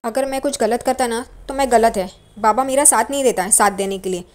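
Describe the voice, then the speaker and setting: A protective young husband talks his wife through her worries in blunt, casual street speech, read by a woman narrator. The voice sits a little high and stays close to an everyday tone. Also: a little fast, lightly acted. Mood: consoling. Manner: reassuring, plain-spoken street Hindi.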